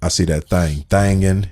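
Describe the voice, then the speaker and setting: A man's voice: sits low, fairly even intonation, measured pace, a loud crowd. A man co-hosting a casual podcast chat, playful and slangy, often laughing as he tells stories. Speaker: podcast co-host.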